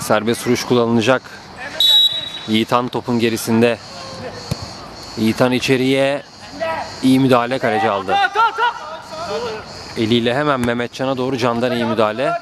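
Goals send this live football commentator into drawn-out screams; otherwise he delivers excitable play-by-play. He's recorded at a noisy outdoor pitch with ambient sound all around.

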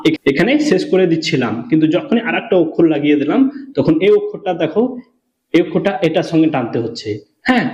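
Man, beginner reading teacher, slightly high voice, patient question-and-answer manner, echoey room, dull lo-fi sound. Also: darkish tone. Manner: slow and patient, asking questions then answering them.

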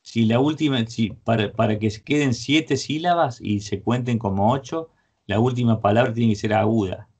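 A man's voice: mid-range voice, normal speed, a little mellow, husky. Man teaching songwriting, singing lines. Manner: sings short melody lines between spoken explanations. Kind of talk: online music lesson, explaining and singing examples. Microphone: video call.

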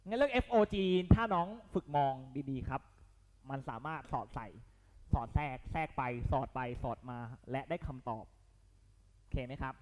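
Lively man teaching math. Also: mid-range voice, moderate pace, long reverb tail. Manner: lively, coaxing, keeps checking the students follow; blunt and slangy at times. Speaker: math tutor. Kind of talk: exam prep lesson.

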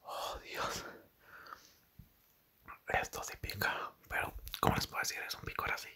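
A young man doing whispered ASMR eating commentary in halting, short phrases, close to the microphone in a small bedroom. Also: pushed and bright. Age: young adult. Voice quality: breathy, unvoiced whisper. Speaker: ASMR mukbang creator. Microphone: desk microphone close to the mouth.

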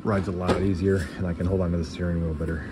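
Working in a large garage shop, this man narrates fixing up his old truck for his vlog, recorded on a handheld or body camera. He speaks fast in a deep voice, and the recording is very noisy. The tone stays easygoing, like he's just thinking out loud.

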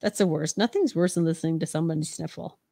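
A sniffly middle-aged woman co-hosts a livestream, reading chat comments aloud and chatting casually with a teasing edge. Her voice is low, gravelly, and warm, and she talks fast.

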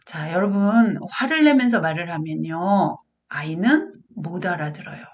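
A parenting educator lectures earnestly, speaking straight to her audience and sometimes acting out what parents and children say. Her voice is on the low side and animated at a normal speed, with the highs cut off.

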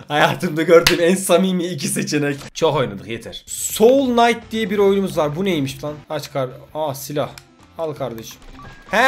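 A man giving loud, joking commentary while playing mobile games. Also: on the high side. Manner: loud, jokey, swearing, exclaiming at the game. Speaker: gaming youtuber. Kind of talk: let's play commentary.

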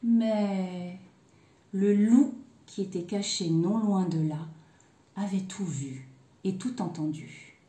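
Slow, expressive woman telling a children's tale. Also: mid-range voice. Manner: slow, expressive, with hushed phrases. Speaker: early childhood educator. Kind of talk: storytelling for young children. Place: daycare room. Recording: echoey room.

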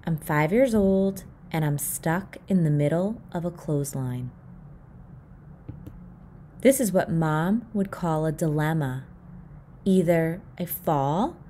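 Slow, expressive woman reading aloud. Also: on the low side, a little hiss or hum. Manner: expressive, with acted sound effects. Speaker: storytime reader. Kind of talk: reading a picture book aloud.

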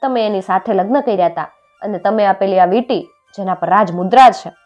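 A woman voicing a clever young wife from a folk tale, calm and knowing as she outwits her husband. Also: mid-range voice, fairly quick, close to an everyday voice. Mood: composed. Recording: dull audio with faint music.

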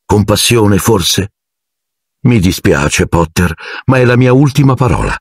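A man's voice: fairly low pitch, expressive, a little slow, slightly rough, no room sound, clean studio sound, pitched above the performer's own voice, heavily acted. A man voicing a strict, formal older woman teacher in an audiobook, clipped and authoritative. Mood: stern. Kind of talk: audiobook character voice.

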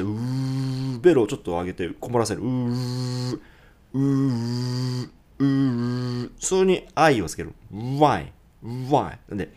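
A man, a university English teacher, giving a pronunciation lesson who sings lyric lines slowly and then explains them quickly. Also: medium pitch. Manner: breaks lyrics into slow drawn-out syllables, then explains quickly.

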